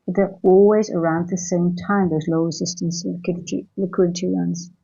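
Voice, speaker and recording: A woman's voice: fairly low pitch, fairly even intonation, gravelly, warm tone, breathy edge, faint music behind. Lo-fi woman hosting a trading stream. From grew up in Singapore. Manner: thinking aloud, halting with fillers and restarts. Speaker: trading livestream host. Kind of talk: live market commentary and viewer chat.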